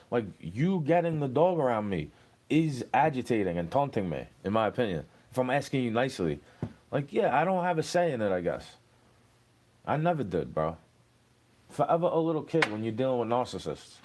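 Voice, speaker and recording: A man's voice: medium pitch, darkish tone. A young man, rambling and cursing as he answers questions in a street interview. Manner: rambling, profane, aggrieved.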